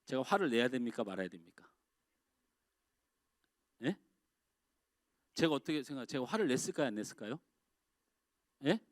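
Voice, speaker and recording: A middle-aged male pastor preaching a sermon in a church, talking with the congregation through rhetorical questions and swinging between raised exclamations and quiet, dropped phrases. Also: mid-range voice, very animated, normal speed, long pauses, no room sound, clean studio sound. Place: church sanctuary.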